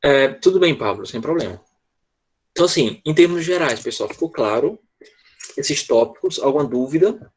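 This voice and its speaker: A male teacher explains an assignment to his class over a computer mic. His voice sits a little high for a man and has a husky edge. He keeps pausing to check that everyone follows. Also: expressive. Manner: explanatory, with frequent "tá?" check-ins. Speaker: English teacher.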